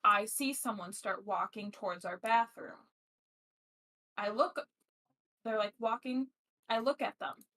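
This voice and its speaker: A woman's voice: medium pitch, unhurried, pauses often, sharp tone. A young woman co-hosting a podcast, telling a story in casual chat with hesitant ums. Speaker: podcast co-host.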